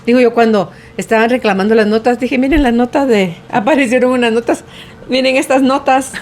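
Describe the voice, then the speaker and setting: A woman's voice: on the high side, a little fast, a little hiss or hum. A woman in her sixties with a Guatemalan accent hosting a podcast, telling stories with frequent laughter in casual conversation. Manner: animated storyteller, laughs often. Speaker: podcast host.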